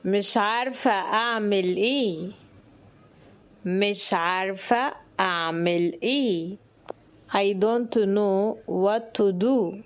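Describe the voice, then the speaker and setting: A woman with an Egyptian Arabic accent who teaches the language, saying each phrase slowly twice and then giving it in English. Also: mid-range voice. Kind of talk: slow phrase drill for learners.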